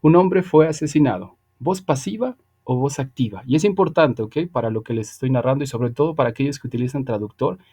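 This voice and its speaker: A man teaching English over a video call, his voice mellow and relaxed. He explains patiently and keeps checking in with his students with a quick "ok?". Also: mid-range voice, husky. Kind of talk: online class lecture.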